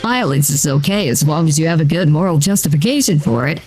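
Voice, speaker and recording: Faint music sits under this fast, mid-range voice, filtered through a voice changer as the streamer plays a game. The commentary is casual and easygoing, meandering and crowded with "uh" and "like."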